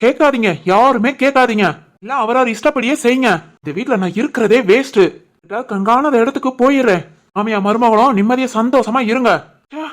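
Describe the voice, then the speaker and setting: A man voicing a hurt, self-pitying young husband in an animated family story, with a Tirunelveli Tamil accent. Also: extremely high pitch, brisk. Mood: sulking.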